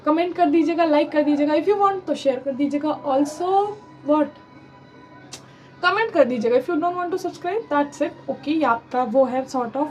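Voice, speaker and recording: Young female vlogger, high voice, chatty rambling storyteller, code-mixes English. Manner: animated, rambling, mixes English phrases into Hindi. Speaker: vlogger telling a personal story. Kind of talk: casual storytime narration.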